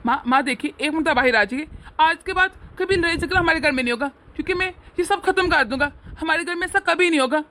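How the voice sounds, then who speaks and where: A woman voicing a young married son who earnestly pleads with and lectures his family in an animated family drama. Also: high voice, fast talker. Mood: soothing.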